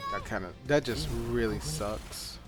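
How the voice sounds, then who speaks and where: A man's voice: fairly low pitch, a little slow. A man giving casual, rambling, self-deprecating gameplay commentary as he plays, in the manner of a gaming video creator. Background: game music, mouse clicks.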